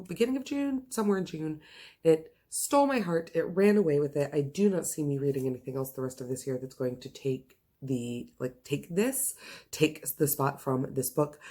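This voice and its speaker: A woman hosts a casual book-recommendation vlog, gushing with enthusiasm and speaking emphatically. Her voice sits low and has a dark tone.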